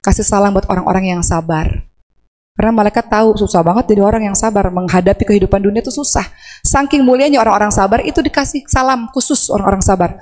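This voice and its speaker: A woman's voice: medium pitch, fast talker, a little mellow, slight background noise. Brief: woman preacher, chatty with the crowd, long hall reverb. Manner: conversational, asks the audience questions; acts out anguished prayers in a raised voice. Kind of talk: religious talk to women. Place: large mosque hall.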